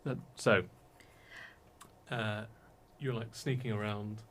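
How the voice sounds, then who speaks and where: A man running a tabletop game as dungeon master, narrating in a relaxed way with many fillers. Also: lowish voice, slow pace.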